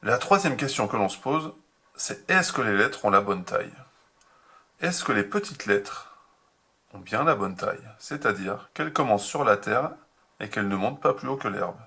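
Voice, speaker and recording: A man teaching a remote handwriting lesson to young children, slow and patient, spelling out each step. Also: fairly low pitch, lively intonation, sharp tone, slightly rough. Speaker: kindergarten teacher.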